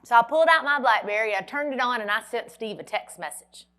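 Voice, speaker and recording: A woman's voice: fairly high pitch, expressive, brisk, a bit bright. A woman, giving a motivational keynote at a conference and telling a dramatic story with wry humor. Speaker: motivational speaker. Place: conference hall.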